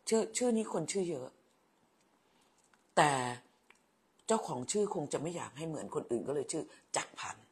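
ผู้หญิงวัยกลางคน อดีตครู คุยไลฟ์สดอ่านคอมเมนต์ผู้ชม พูดแบบแม่ๆ ชอบแซว พูดซ้ำคำ. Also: female voice, deep voice, sing-song, normal speed, long pauses, a little mellow, breathy edge. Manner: chatty, motherly, teasing, repeats words. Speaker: livestream host, former teacher. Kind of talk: casual live chat reading viewer comments.

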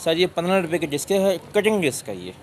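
A man's voice: on the high side, big pitch swings, fast. A man with a Pakistani Urdu accent working as a shopkeeper, politely listing his tools and their prices for a vlogger. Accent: Pakistani Punjabi-inflected Urdu. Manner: polite, calls the vlogger "sir ji", lists prices. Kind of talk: sales pitch to a vlogger. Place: tool shop in a market.

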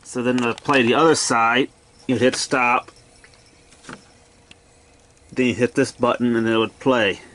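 A man shows off a gadget indoors in a cluttered room at home, filmed on a handheld camera, with a little hiss or hum in the audio. His mid-range voice is steady and a bit bright; he speaks a little slowly, pausing often, in short, clipped, matter-of-fact phrases as he walks through the equipment casually.

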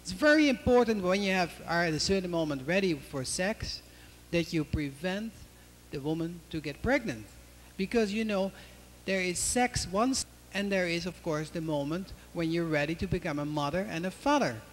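Frank doctor, a man with a high voice. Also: expressive, normal speed, a little hiss or hum. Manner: frank, plain-spoken, instructive. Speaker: doctor answering audience questions. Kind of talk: explaining to a studio audience. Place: indoor TV studio with seated audience. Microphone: handheld mic.

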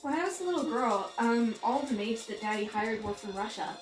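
A woman's voice: a little high, animated, a little fast, lightly acted. A young woman playing a spoiled, whiny rich girl who leans on her father's money, in a comedy skit. Her voice is heard from a distance in an echoey room, with music behind. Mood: haughty. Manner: whiny and self-absorbed. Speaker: college roommate in a comedy skit.

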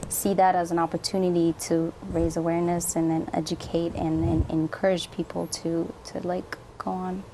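A young woman from Somalia answering interview questions in a studio, friendly and quick to laugh, with many fillers. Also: lowish voice, little pitch movement, warm tone, a little hiss or hum. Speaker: guest. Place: dark television studio, indoors. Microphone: lapel mic.

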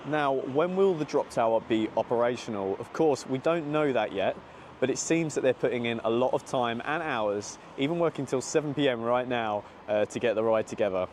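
Filming himself at arm's length beside a seaside amusement park, a British man in his twenties hosts a theme park update vlog outdoors. His voice is medium-pitched and a little mellow, heard through a small clip-on jacket mic with slight background noise.

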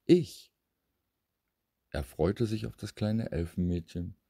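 Male bedtime story narrator, calm and husky, very low voice. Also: measured pace, dry recording, studio quality.

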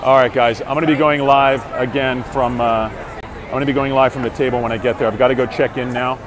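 Background noise from a street crowd surrounds a Broadway actor in his forties as he live-vlogs from a city street fair, phone at arm's length and an earbud headset mic in use. His voice is medium-pitched, fairly even and brisk. He keeps things casual and upbeat, filling his talk with fillers.

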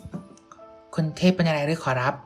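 A reader voicing a polite young male doctor from modern times who talks in a gentle, coaxing way, with faint music behind. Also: a little slow, lightly acted. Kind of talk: audiobook role reading.

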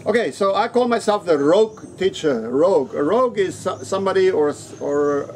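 This English teacher, trainer and vlogger, a middle-aged African man speaking English as his third language, has a high, animated, slightly mellow voice at a moderate pace. He talks casually to camera, repeating words for emphasis, from an open-sided resto-inn in the Philippines with noisy open-air ambience behind him.

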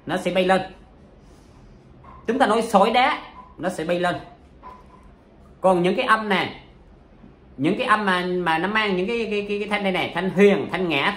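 A man's voice: sits high, a bit bright, reverberant. A man teaching poetry in a chatty, casual way, full of examples and fillers. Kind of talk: casual spoken lesson.

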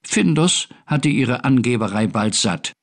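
A man narrating a children's story in a computer game, reading gently and expressively. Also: medium pitch, lively intonation, measured pace.

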